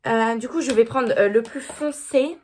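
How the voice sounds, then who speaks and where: A woman's voice: on the high side, moderate pace, darkish tone. A young woman filming a casual makeup vlog, chatty and self-mocking, stumbling over words with many fillers and apologies. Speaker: vlogger.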